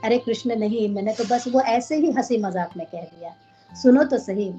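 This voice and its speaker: A woman's voice: a little high, moderate pace, mellow, soft background music, natural voice. A woman voicing a playful young goddess who teases and then coaxes her beloved, in a devotional story, on a dull lo-fi recording. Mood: coaxing. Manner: teasing, coaxing.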